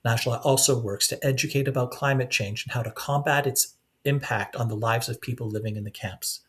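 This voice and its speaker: This interview podcast host has a mid-range, steady, slightly bright voice and talks a little fast. His long questions come out hesitantly, with frequent restarts and fillers as he hunts for words.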